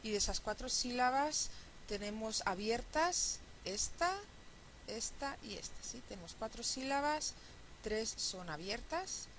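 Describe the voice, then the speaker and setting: A woman teaching a phonetics lesson, explaining step by step and often checking understanding with a quick question. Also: on the high side, animated, fairly bright tone, slight background noise, low-quality recording. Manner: counts syllables aloud slowly. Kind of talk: recorded classroom lecture.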